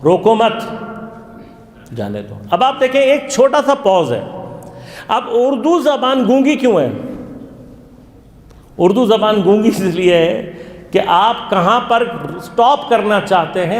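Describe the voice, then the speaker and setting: A male religious lecturer giving an interactive lesson, asking his listeners questions and then answering them himself. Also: high voice. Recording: echoey hall.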